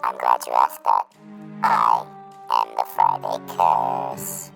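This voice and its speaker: A performer voicing a smug, sinister male curse spirit in a comedic podcast skit, taunting with a slow drawl. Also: a bass voice, vocal fry, a bit bright, soft background music, heavily acted. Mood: menacing.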